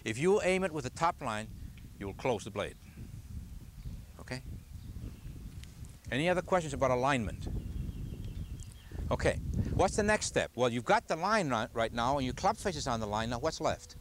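A man's voice: mid-range voice, very animated, normal speed, pauses often. Older man, golf instructor, patient, asks questions, outdoors on a range, faint hiss. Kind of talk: outdoor golf clinic teaching. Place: outdoors on a grassy driving range. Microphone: camcorder from a distance.

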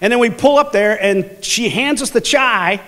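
Pastor preaching a storytelling sermon, high-pitched and emphatic, big church reverb. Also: male voice, moderate pace, bright, forceful tone. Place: large church sanctuary.

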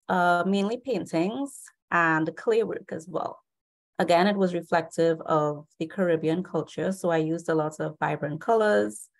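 A young woman from Trinidad and Tobago, giving a friendly, steady online presentation about her art. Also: deep voice, creaky. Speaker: artist presenter. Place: indoors, video call. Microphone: video call.

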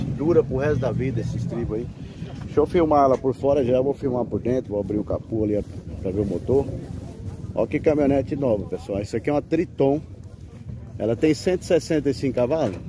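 A Brazilian man, a car broker showing a pickup to viewers in a pitchy sales patter, filming with a handheld phone in an outdoor car fair lot. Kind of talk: walkaround car sales video. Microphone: handheld phone camera held by the speaker. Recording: outdoor phone audio with background noise.

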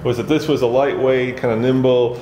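A middle-aged man hosting a car show, chatting in a quick, relaxed, conversational way. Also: mid-range voice, a little hiss or hum. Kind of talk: casual chat. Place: large underground parking garage. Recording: roomy, long garage reverb.

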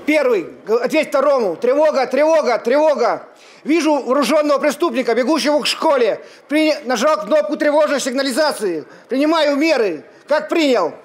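Guard yelling alarm over walkie talkie, real high voice. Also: male voice, animated, normal speed. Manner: urgent radio calls, repeated alarm. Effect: speaking over a walkie-talkie radio. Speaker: school security guard in a drill.

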